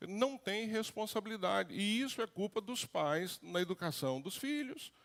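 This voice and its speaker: Man, middle-aged pastor; chatty sermon delivery, slightly high pitch, long church reverb. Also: lively intonation, normal speed, vocal fry, a bit bright. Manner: conversational preaching with acted quotes. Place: church hall.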